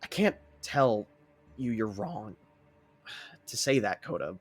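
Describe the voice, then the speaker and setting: A man voicing a sincere young male hero who speaks in an earnest, steady way. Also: fairly low pitch, slow pace, breathy edge, no echo, soft background music, full character voice.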